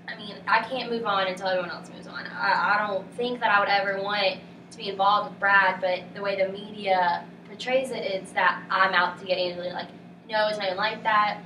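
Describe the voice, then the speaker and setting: A woman's voice: medium pitch, sharp tone, natural voice. A woman playing a good-humored but weary female celebrity in an improvised spoof interview, talking casually and a little hesitantly. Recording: roomy, distant mic, faint background noise.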